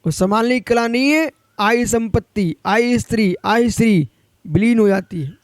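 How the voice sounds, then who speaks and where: A man's voice: high voice, normal speed, no room sound. A man, a Jain monk, giving a sermon in an admonishing, direct way, rising sharply when he urges his listeners on.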